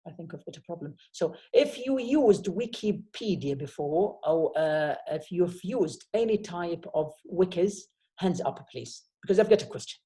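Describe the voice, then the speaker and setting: Over a video call, an Arabic-speaking man who teaches at a university gives an online lecture, walking through each step and checking in with "okay?" almost every phrase. He sounds high and animated with a dark tone, talking at normal speed with hardly any pauses.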